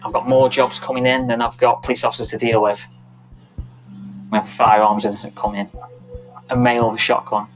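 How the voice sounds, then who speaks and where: A middle-aged man, a police officer recounting a night shift in a documentary interview, in a steady, matter-of-fact way. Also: mid-range voice, a little fast, long pauses, soft background music, poor audio.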